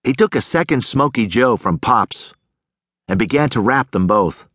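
A man narrating an audiobook in expressive storytelling style, recorded close on a studio mic. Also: medium pitch, moderate pace, husky, no echo. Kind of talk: scripted narration.

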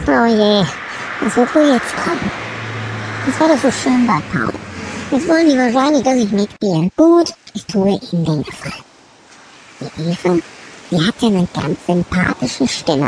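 In a comedy audio sketch, a woman plays a hungry, proud young male shepherd dog who grumbles to himself in an inner monologue, his pitch swinging wildly. Background noise is clearly audible.

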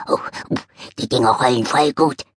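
A woman reading an audiobook, voicing a cheerful, easygoing little male dog in a lower, slangy voice. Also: moderate pace, slightly rough, dry recording.

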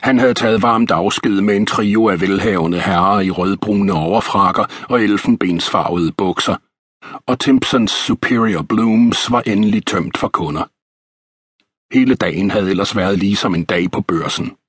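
A man reading a historical novel as an audiobook narrator, in a measured, even storytelling manner. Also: on the low side, breathy edge, no room sound, studio quality.

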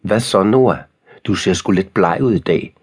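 A man's voice: low-pitched, animated, darkish tone, breathy edge. A man voicing a cruel, cocky teenage boy bully who mocks and spits insults in an audiobook. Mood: mocking.

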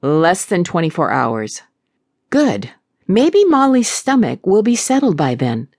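A biting, exasperated mother in an audiobook romance, as a woman narrator puts her on. Her pitch leaps and dips with lively energy, and the sound is close and dry with no room around it. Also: unhurried, no echo, full character voice. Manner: sharp, biting, sarcastic. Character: angry, exasperated young mother.

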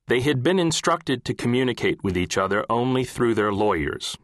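A man reading literary fiction as an audiobook narrator, in a measured, composed way. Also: mid-range voice, lively intonation, no echo, clean studio sound.

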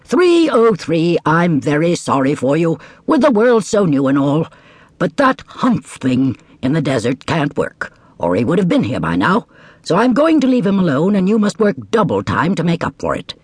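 A man's voice: on the high side, huge pitch swings, normal speed, breathy edge, dry recording, pitched above the performer's own voice, exaggerated voice. A man voicing a grave master of the animals who speaks in a solemn, apologetic way.

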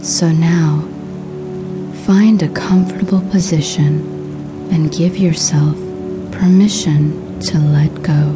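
In a low, soothing, hushed voice, a woman narrates a scripted guided sleep hypnosis. Her delivery is breathy and marked by measured pauses.

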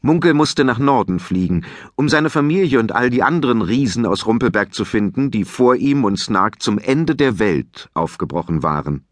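A man reading a children's audiobook aloud with expressive, scripted storytelling narration. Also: mid-range voice, normal speed, hardly any pauses, dry recording, studio quality. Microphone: close studio mic.

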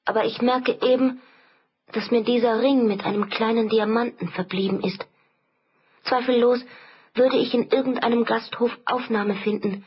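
A woman's voice: steady tone, moderate pace, husky, dull audio. A woman reading an audiobook, voicing a distressed young Spanish noblewoman who pleads for help in a raised, urgent voice. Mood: pleading. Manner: pleading, breathless, raised pitch.

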